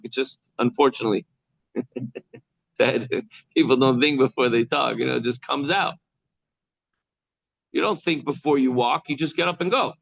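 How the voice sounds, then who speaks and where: A man teaching a text class as a rabbi, reading lines and explaining them slowly, pausing to demonstrate sounds and speak to students in the room. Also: medium pitch, vocal fry, no echo, low-quality recording.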